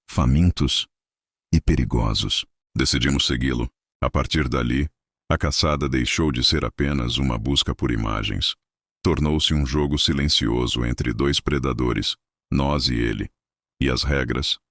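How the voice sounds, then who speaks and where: Male narrator, Brazilian accent, extremely low voice, dry close sound, suspenseful nature documentary storytelling. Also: no echo.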